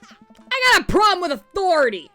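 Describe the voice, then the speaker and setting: Woman voicing a bright, cheeky teenage daughter. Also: on the high side, big pitch swings, fast talker, faint music behind. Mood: boisterous. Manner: teasing, exuberant, punchy. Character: cheeky, playful teenage daughter, high-school senior. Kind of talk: reading a video game aloud.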